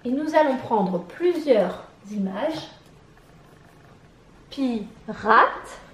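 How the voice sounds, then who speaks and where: A woman with a French accent, teaching syllables to a young child, clapping out each syllable slowly and asking questions. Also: on the high side, very animated, a little mellow, roomy sound, slight background noise. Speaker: preschool teacher. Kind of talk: slow, sing-song phonics lesson for young children.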